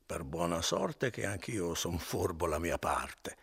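A man voicing a boisterous, suspicious drunken young man in an audiobook, slurring with loud outbursts. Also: sits low, animated, takes it slowly, creaky, husky, full character voice. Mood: tipsy. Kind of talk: audiobook character voice.

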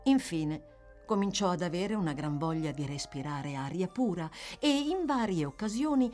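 A woman narrating a classic novel in a lively, theatrical reading style. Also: fairly low pitch, moderate pace, faint music behind. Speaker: audiobook narrator. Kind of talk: expressive literary reading.

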